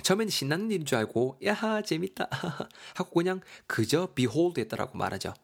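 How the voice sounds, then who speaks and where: Husky-voiced man teaching vocabulary. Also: a little high, sing-song, brisk. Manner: chatty, spells words letter by letter, reads example lines in English. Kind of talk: casual vocabulary lesson.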